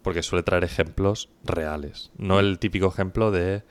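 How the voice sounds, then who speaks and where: A man in his thirties with an accent from Spain, chatting casually as a podcast co-host in a hoarse, gravelly voice. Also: low voice, fairly even intonation, normal speed. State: hoarse from coughing. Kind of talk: casual chat.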